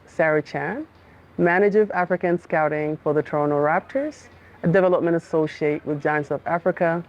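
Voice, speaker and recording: Low-voiced woman podcast host, dull audio. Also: a little mellow. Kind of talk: scripted podcast intro and interview questions.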